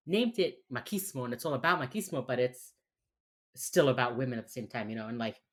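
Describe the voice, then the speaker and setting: An American woman with a Miami accent, co-hosting a casual podcast chat in an informal, sweary, halting way. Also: a bass voice, expressive. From United States. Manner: informal, sweary, halting with many filler phrases. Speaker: podcast co-host.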